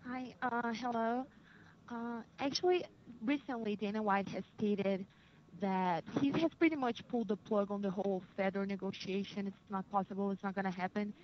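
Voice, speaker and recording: A woman's voice: medium pitch, steady tone, normal speed. A woman journalist putting questions to athletes on a press conference call. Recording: dull phone line, faint noise.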